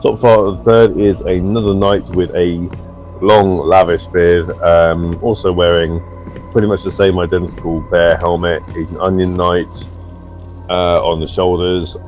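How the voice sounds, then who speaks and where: A man with a very low voice gives hesitant, halting descriptions during a co-op game. He sounds unsure as he goes, signing off like a radio operator. The sound is a little dull, with faint game music behind him. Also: flat delivery, darkish tone. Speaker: let's play gamer. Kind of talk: co-op game commentary, radio-style relaying of clues.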